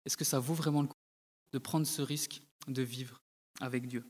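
A man's voice: mid-range voice, steady tone, moderate pace, breathy edge. A male preacher giving a sermon to his congregation, talking directly to them with frequent hesitations and repeated words. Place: church hall. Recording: long hall reverb.

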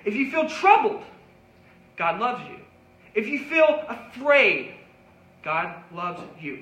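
A man's voice: high-pitched, pushed and bright. A man preaching a sermon, earnest and pleading, with repeated calls to his listeners. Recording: echoey room with faint ambience.

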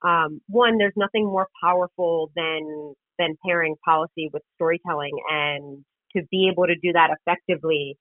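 A woman gives earnest, deliberate interview answers in a conversational storytelling way, building her points in lists. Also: on the low side, fairly even intonation, no echo. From Queens, New York City. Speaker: interview guest, political candidate and public defender. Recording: thin phone-line sound.

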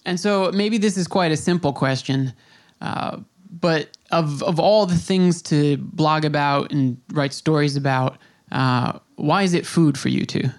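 A man's voice: a little high, a little slow. A man hosting a casual interview podcast, asking questions hesitantly with many fillers. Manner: hesitant, many likes and ums. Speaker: podcast host.

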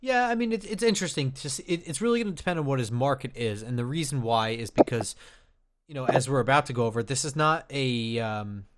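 A man's voice: medium pitch, noisy background. Man hedging in casual sports chat. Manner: measured, hedging, with many fillers and restarts. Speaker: podcast co-host.

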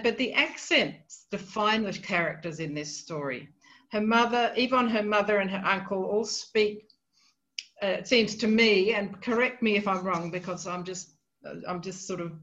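Her voice is medium-pitched and a bit bright, captured in a muffled recording. She's a literary scholar with an Australian accent on a podcast about a novel, discussing a short story as she thinks aloud, full of ums and restarts.

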